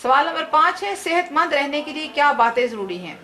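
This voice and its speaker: Woman teacher, online class, high bright voice, reads out answers and explains terms, faint background noise. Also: animated, fairly quick.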